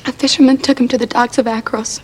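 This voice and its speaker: A woman's voice: a little high, little pitch movement, fast talker, breathy edge. An actress playing an overjoyed young woman in a 1980s daytime soap, breathless and laughing through tears, heard from an old VHS tape recording. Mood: earnest. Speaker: soap opera character, a young wife.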